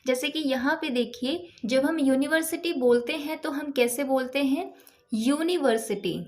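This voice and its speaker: A woman's voice: sits high, normal speed, faint music behind. A woman teaching a grammar lesson, patiently asking questions and answering them herself step by step. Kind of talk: explaining English grammar lesson.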